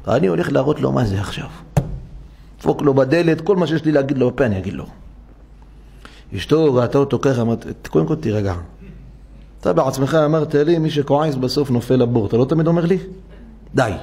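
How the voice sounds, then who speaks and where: A man's voice: mid-range voice, vocal fry, pauses often, mellow, breathy edge. A man preaching as a rabbi in a synagogue, telling a story and acting out each character's voice with animation. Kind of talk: sermon storytelling.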